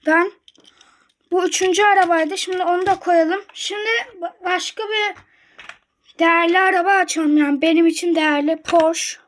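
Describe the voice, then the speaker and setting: A young woman talks casually and excitedly to her viewers. She unboxes toy cars and fills the talk with quick reactions and comments. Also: very high voice, slight background noise. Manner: chatty and excited, addresses viewers directly.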